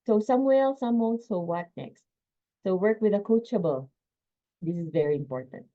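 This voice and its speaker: Speaking at a medium pitch, a woman runs a lively, emphatic sales training session via video call, punctuated by quick laughs. The call audio sounds a little muffled and dull.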